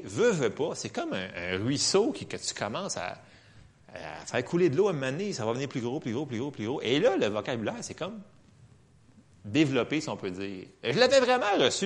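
A man with a Quebec French accent preaching in church, telling a personal testimony in an animated, laughing storytelling manner. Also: mid-range voice.

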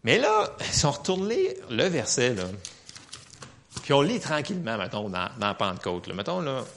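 A man with a Quebec French accent gives a testimony sermon in church. His pitch leaps up and down as he tells his story with lively animation, often breaking into laughter. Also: moderate pace, a little hiss or hum. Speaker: preacher.

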